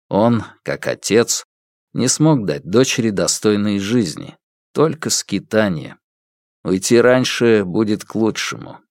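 A man reading a crime novel aloud as narrator, in an expressive, dramatic manner. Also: fairly low pitch, no echo, clean studio sound.

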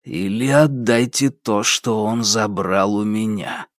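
A man reading an audiobook, voicing a restrained, menacing man who speaks slowly in a low hoarse whisper. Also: dry recording, studio quality. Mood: measured. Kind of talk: audiobook character voice.

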